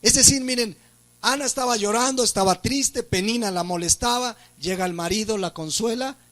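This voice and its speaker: High-voiced Mexican pastor preaching. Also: male voice, normal speed, a bit bright. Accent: Mexican Spanish. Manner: preaching with rhetorical questions and emphatic rises. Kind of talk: sermon. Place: church.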